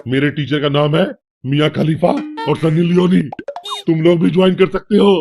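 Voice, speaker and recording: A man's voice: fairly high pitch, little pitch movement, moderate pace, creaky, warm tone. Man voicing a sly young cartoon villager over background music; light, offhand delivery. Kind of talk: cartoon comedy voice acting.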